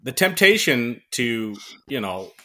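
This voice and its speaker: A male podcast guest with a bright, punchy voice in the middle range. He chats casually, with wry, self-deprecating humour. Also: mid-range voice, very animated, takes it slowly. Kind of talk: casual chat. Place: barn.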